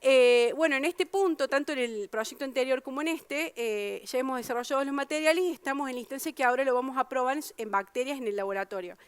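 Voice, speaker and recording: Giving a public science talk, a woman with an Argentine Spanish accent explains patiently, with many fillers, restarts and self-corrections. Her fairly high voice is smooth and resonant and moves at a quick pace with hardly any pauses. The sound is dry and close, with no room sound.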